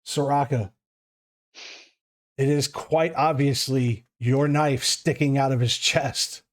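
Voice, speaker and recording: A man runs a tabletop role-playing game as its game master. His voice sits at a medium pitch as he narrates scenes and puts questions to players. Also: fairly even intonation, slow pace.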